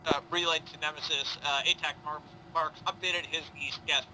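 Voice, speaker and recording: A man playing a helicopter pilot in a military game, making halting, procedural radio calls. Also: fairly high pitch, fairly even intonation, sharp tone. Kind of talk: military radio chatter, gaming. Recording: noisy, vehicle sound behind.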